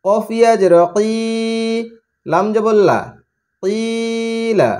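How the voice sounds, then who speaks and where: A man teaching Quran reading, slowly spelling out Arabic letters and vowel marks in a steady chant and drawing out the long vowels, with a Bangladeshi Bengali accent. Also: high voice, faint music behind.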